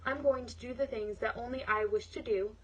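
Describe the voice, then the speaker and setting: A woman's voice: a little high, steady tone, a little fast, slightly rough, poor audio. A woman performing a dramatic monologue as a fed-up, passionate woman seeking freedom, speaking earnestly in short, emphatic phrases. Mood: resolved, earnest. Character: fed-up wife, passionate and newly liberated, confiding.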